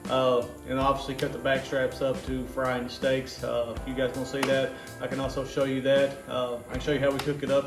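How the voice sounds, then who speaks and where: A homestead vlogger casually explains a home cooking task in a casual how-to vlog, rambling in an easygoing way and joking at his own expense. His voice is mid-range, and the room is echoey.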